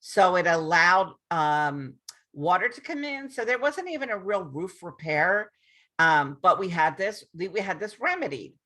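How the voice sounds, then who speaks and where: A woman's voice: fairly low pitch, expressive, unhurried, sharp tone. A woman realtor talking casually to her viewers, with frequent restarts and ums. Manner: chatty, repeats herself, many restarts and ums. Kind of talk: casual explainer to camera. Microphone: screen-share video recording.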